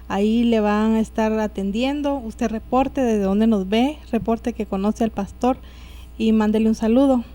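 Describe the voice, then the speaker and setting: Mellow-voiced woman host. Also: on the high side. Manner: reads contact details slowly and plainly, answers with short "amen"s. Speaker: television interview host.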